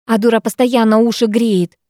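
A woman voicing a fussy, jealous teenage schoolgirl who pries and needles in quick remarks. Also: on the high side, little pitch movement, warm tone, no room sound, studio quality, voice pushed up, lightly acted.

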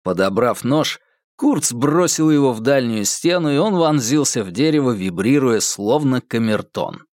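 A man reads a tense crime story aloud with lively, swinging intonation. His voice sits in an ordinary middle register, recorded close and dry. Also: medium pitch, moderate pace, no echo. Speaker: audiobook narrator. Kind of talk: dramatic audiobook narration.

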